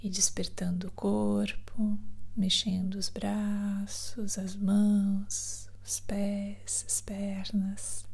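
Slow, breathy whispering woman guiding meditation. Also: medium pitch, monotone. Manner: slow, gentle instructions with long pauses. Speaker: guided meditation leader. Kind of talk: guided breathing meditation in a soft, spa-like ASMR whisper.

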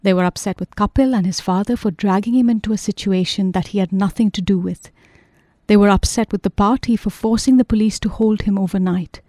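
Woman narrator, audiobook, measured even read, mellow dark tone, dry studio. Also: medium pitch, no echo.

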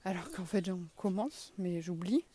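A woman from southwest France, with the matching accent, hosts a casual solo podcast while strolling around her garden. She is candid and self-deprecating, swearing now and then. Her mellow voice is medium-pitched at a moderate pace, with slight background noise.

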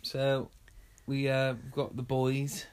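Woman with a very deep voice. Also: slow pace, clean tone. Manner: relaxed, dry asides, narrates the scenes. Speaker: podcast co-host. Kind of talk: casual film review chat.

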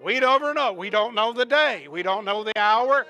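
A man preaches to his congregation, pressing the same questions again and again before he drops into a quiet prayer. His voice sits high and ringing, with a bright, forceful edge. A faint instrumental accompaniment plays softly under his words. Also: animated, normal speed, soft background music. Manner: rising to shouts of praise, then hushed prayer. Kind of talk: sermon with closing prayer.

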